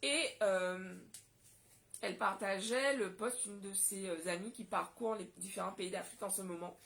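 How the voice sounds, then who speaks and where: A woman's voice: mid-range voice, normal speed, vocal fry, a bit bright. A woman from Guadeloupe talking straight to her audience in a casual solo vlog, impassioned and indignant. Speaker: vlogger.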